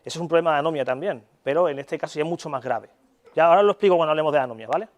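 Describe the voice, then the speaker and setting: This young neuropsychology lecturer from Spain talks very fast in a fairly high voice. His university lecture is laid-back and chatty, dotted with frequent "¿vale?" check-ins and joking curses.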